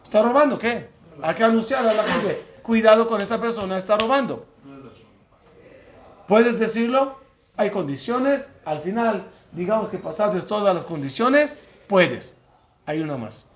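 A rabbi with a high, animated voice and a slightly slow delivery teaches a Torah lesson to a live class in the room. He poses questions to his listeners and acts out the dialogue in the stories he tells.

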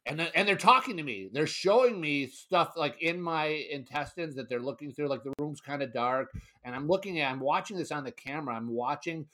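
A young adult man telling a story in a casual podcast chat, animated and laughing often, putting on other people's voices. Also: on the high side, brisk. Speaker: podcast co-host.

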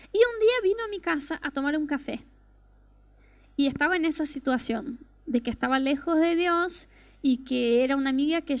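A woman's voice: high voice, dry recording. A woman preaching a personal testimony sermon, telling the story earnestly and asking rhetorical questions.

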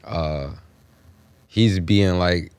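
A man talks casually as a podcast co-host. His voice is low and his delivery is halting and slangy, circling around the point. The recording is dry, without room sound. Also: darkish tone, clear, resonant tone, dry recording. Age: 30s. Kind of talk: casual chat.

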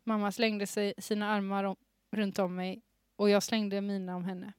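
A young adult woman hosting a podcast reads aloud a story she wrote as a teenager, holding back giggles as she goes. Her medium-pitched voice is clear and resonant with little pitch movement. She's on a studio microphone with headphones, and the recording is dry and clean.

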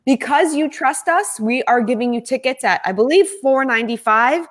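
A woman's voice: high voice, expressive, normal speed. A woman co-hosting a casual talk show, speaking earnestly and persuasively about giving and an upcoming event. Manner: earnest, persuasive, sales-minded. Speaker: podcast co-host. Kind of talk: casual promotional chat.

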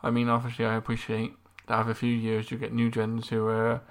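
A man with a mid-pitched voice that has a lot of fry in it. His intonation stays flat and even as he talks casually as a podcast co-host. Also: fast.

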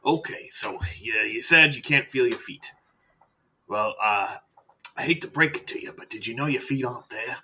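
A man voicing a loud, crude, jovial male back-alley doctor with a salesman's patter. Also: mid-range voice, normal speed, slight background noise. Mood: salesy.

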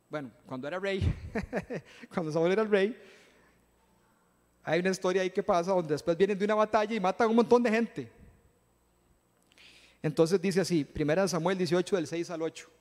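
A man's voice: sits high, normal speed, pauses often, big-room sound. A man giving a casual, conversational sermon in a church, acting out Bible figures in slang. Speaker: preacher. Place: church hall.

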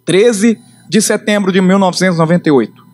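A middle-aged man, preaching his conversion testimony with emotional storytelling that swings in pitch and slows for emphasis. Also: darkish tone. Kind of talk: sermon testimony.

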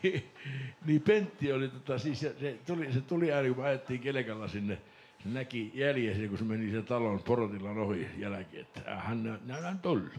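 A man from Lapland telling a lively story on a casual podcast, laughing and mimicking voices along the way. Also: medium pitch, a little hiss or hum. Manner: animated storyteller, laughs and mimics voices, shouts when excited. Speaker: podcast host.

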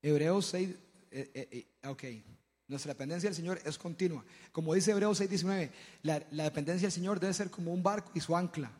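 In a large hall, a man delivers a testimony talk in sermon style to his congregation. His fairly high, darkish voice runs a little fast, and he tells his stories with animation, frequently stumbling over and repeating words.

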